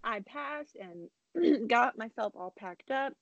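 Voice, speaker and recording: A woman's voice: a little high, takes it slowly, gravelly, no room sound. A young woman in her twenties co-hosting a casual podcast, telling stories and acting out her own past remarks. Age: 20s. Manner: animated storyteller who acts out her own past remarks. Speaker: co-host. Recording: dull lo-fi internet call audio.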